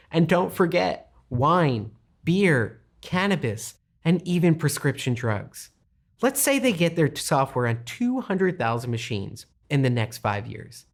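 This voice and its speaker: Male co-host and analyst, mid-pitched, emphatic and salesy in a scripted investor promo. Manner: emphatic, salesy, stressing figures.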